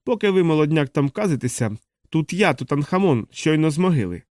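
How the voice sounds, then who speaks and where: A man's voice: a little high, expressive, a little fast, a little mellow, no room sound, pitched above the performer's own voice, natural voice. A cranky, stubborn old great-grandfather, as a male narrator puts him on in an audiobook. His voice sits raised above the reader's own register and he grumbles and curses through the lines. The recording is close and dry. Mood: hissing. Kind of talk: audiobook character voice.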